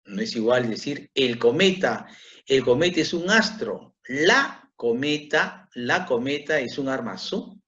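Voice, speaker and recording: Male teacher, middle-aged, unhurried, repeats and checks understanding; dull lo-fi sound. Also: mid-range voice, animated, fairly bright tone. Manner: slow, repetitive, checks in with "¿ok?". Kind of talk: grammar lesson. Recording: dull lo-fi recording.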